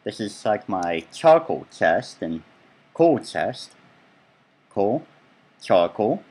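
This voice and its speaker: A man's voice: on the low side, sing-song, slow, a little mellow. A man giving casual, rambling gameplay commentary as he tours his own build, full of chatty asides. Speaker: let's play gamer.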